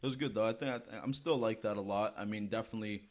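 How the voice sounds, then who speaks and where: A man's voice: lowish voice, very fast. A man in his twenties hosting a casual podcast chat, speaking in street slang. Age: 20s. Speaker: podcast host.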